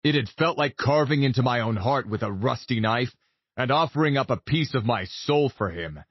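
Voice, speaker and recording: A man's voice: medium pitch, animated, normal speed, slightly rough, dry recording, highs cut off. A man narrating a romantic fantasy audiobook in the first person with an intense, brooding delivery.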